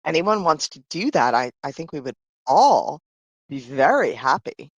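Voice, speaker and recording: A woman chats her way through a live stream in a rambling, lively voice that rises and falls a lot. She is losing her voice. The sound is dry and close to the mic. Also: low-pitched, a little slow, no echo. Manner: chatty, rambling, frequent "I mean" and "right?". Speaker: livestream host. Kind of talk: casual live-stream chat.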